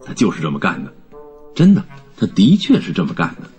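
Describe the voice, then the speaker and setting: A man narrates a storybook in a deep, husky voice with lively, wide-ranging pitch. His telling is gentle and expressive. Faint music plays behind him. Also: a little fast.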